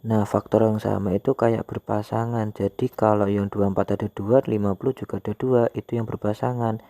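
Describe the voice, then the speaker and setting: A man's voice: fairly low pitch, flat delivery, brisk, dark tone, no echo. A man teaching maths to young children step by step, informal and coaxing, often asking and answering his own questions.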